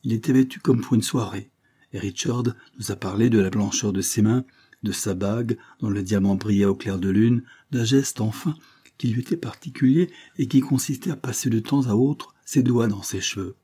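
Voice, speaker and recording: A man's voice: on the low side, normal speed, dark tone, husky. A man voicing an earnest, anxious young woman in an audiobook, with a fervent, pleading delivery. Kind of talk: audiobook character reading.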